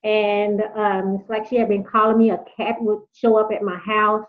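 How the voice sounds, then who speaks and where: Soft-spoken woman calling in by phone. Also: medium pitch, level tone, normal speed. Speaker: caller. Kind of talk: casual call-in sharing. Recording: phone line.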